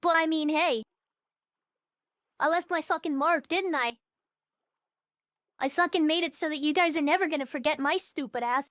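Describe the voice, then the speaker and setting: A woman's voice: high voice, moderate pace, pauses often, a bit bright, no echo. A young woman streaming live, talking casually in a blunt, profane, scattered way through a voice changer set to a more natural tone. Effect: voice changer turned down to a more natural tone. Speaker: VTuber streamer. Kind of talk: casual livestream chat.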